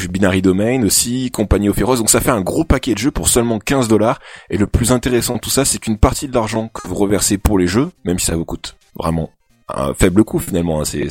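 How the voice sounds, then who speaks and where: A man's voice: on the low side, darkish tone, dry recording. A man chatting as a podcast panelist, rambling and hesitant with many fillers. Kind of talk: casual chat.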